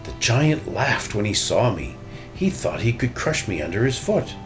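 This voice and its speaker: A man voicing a boastful, excitable cartoon duck adventurer from a storybook, in an exclamatory way. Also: on the low side, moderate pace, over music. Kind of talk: storybook character reading.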